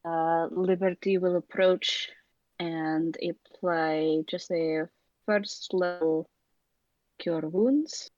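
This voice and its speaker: Female game player, lowish voice, slow pace, casual chat, dull lo-fi sound. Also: fairly even intonation, darkish tone, dry recording.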